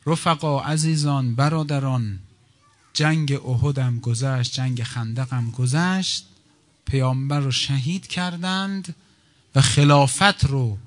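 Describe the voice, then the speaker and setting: A man preaching a religious sermon, moving between brisk storytelling and slow, grieving lament. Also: medium pitch. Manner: swings from fast telling to slow, wailing lament. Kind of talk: sermon with mourning recitation.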